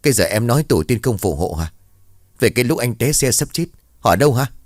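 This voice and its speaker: A man's voice: fairly low pitch, expressive, darkish tone, no echo, studio quality, close to an everyday voice. A man playing a stubborn, scornful husband. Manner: scornful, fast dismissive retorts. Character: stubborn skeptical husband, quick-tempered.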